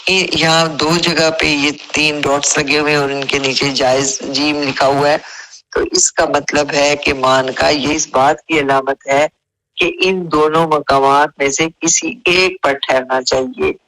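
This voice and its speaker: A man teaching a tajweed lesson. He recites verses slowly and at length, then explains the rules in quick spoken asides and keeps checking whether his students follow. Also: a little high, fairly even intonation, sharp tone, no room sound, rough recording. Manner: slow, drawn-out recitation alternating with brisk spoken explanations; checks understanding with repeated rhetorical questions.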